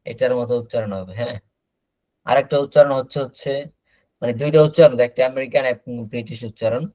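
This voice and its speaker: A man teaching an online class, explaining slowly and repeating words over a video call. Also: mid-range voice, warm tone, no echo, low-quality recording. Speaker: English teacher.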